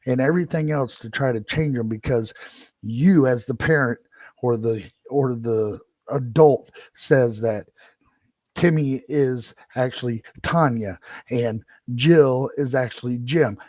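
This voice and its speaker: Middle-aged man, podcast host, angry repetitive ranting, mid pitch, dry room. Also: measured pace, a little mellow, no echo. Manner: profane, heated and repetitive. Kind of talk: angry solo rant.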